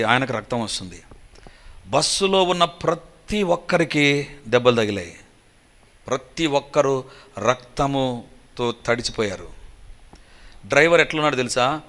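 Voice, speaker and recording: A man's voice: a little high, sharp tone. A man preaching, telling a personal story as testimony and acting out the voices and cries of the people in it.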